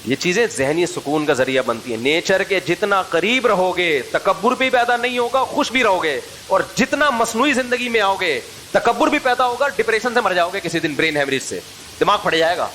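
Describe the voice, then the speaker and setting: A middle-aged male preacher from Pakistan speaks with a fairly high voice, telling humorous stories in a loose, chatty way. He keeps pulling his audience in with direct questions, and a faint hiss sits under the recording. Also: animated, pushed and bright, low-quality recording. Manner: humorous, anecdotal, throws questions at listeners. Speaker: Islamic preacher. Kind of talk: informal religious talk to an audience.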